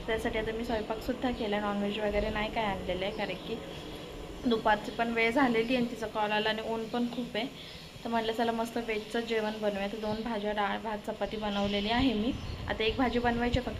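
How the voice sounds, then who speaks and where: Vlogger, young woman, Marathi accent, casual chatty narration, slightly high pitch, background noise audible. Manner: chatty, coaxing a toddler in a high playful voice. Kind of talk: casual daily vlog chat. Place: home. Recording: noisy home recording.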